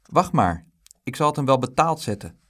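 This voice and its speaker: A man voicing a greedy, hot-tempered twelve-year-old boy who talks eagerly and flares up quickly. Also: mid-range voice, very animated, fairly bright tone.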